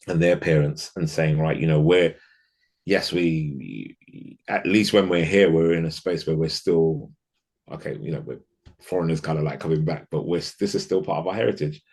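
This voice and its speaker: Deep-voiced guy chatting on a podcast, reflective, lots of restarts and you-knows. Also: a little mellow. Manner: reflective, thinks aloud with frequent restarts. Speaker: podcast guest. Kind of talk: casual interview conversation.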